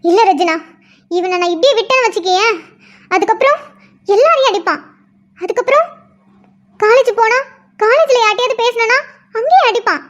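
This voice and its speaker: A defiant cartoon schoolgirl, voiced by a woman, who snaps back with sharp, indignant retorts. Her voice sits extremely high. The recording is dull and lo-fi. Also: lively intonation, normal speed, long pauses. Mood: determined. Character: feisty defiant schoolgirl, quick to fight back. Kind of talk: cartoon voice acting. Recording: dull lo-fi audio.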